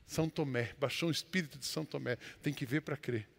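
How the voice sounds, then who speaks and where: A man with a Brazilian accent, a pastor preaching a sermon and telling a personal story, with sudden loud exclamations between quieter asides. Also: medium pitch, a little fast, creaky. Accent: Brazilian Portuguese. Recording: long hall reverb.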